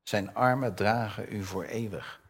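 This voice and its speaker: Husky and fairly low, this older preacher's voice moves a little slowly. He keeps his sermon conversational, poses questions to the audience, and raises his voice when reading scripture aloud.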